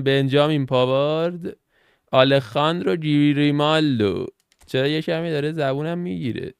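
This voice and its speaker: A young man gives casual, slangy commentary on a football game, reacting to cards as he opens them. His voice is gravelly yet smooth, and the sound is dry and close to the mic. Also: medium pitch, no room sound. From Iran. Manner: chatty, slangy, thinks aloud while reacting to game cards. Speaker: gaming channel host.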